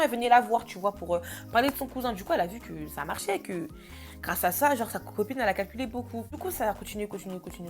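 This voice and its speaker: A young woman vlogger tells a personal story in a loose, chatty way, packed with slang and fillers. She talks quickly at a middle pitch. Soft music sits faintly behind her. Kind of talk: casual storytime.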